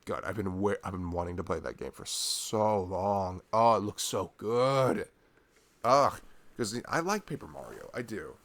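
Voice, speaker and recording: A man with a low, sing-song, slightly bright voice speaks unhurriedly without echo. He's an audio roleplay performer in the boyfriend role for ASMR, chatting intimately, rambling and ranting informally while chuckling and sighing.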